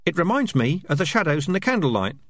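In a dry, studio-quality audiobook recording, a man reads with big pitch swings and a fast pace. He voices a squad of small, nervous, bickering male rats, their high-pitched chatter carrying an uneasy mood.

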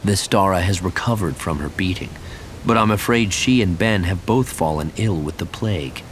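A man reading the lines of a calm, shrewd male Jedi master in a cool, measured way. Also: low voice, slight background noise, rough recording.

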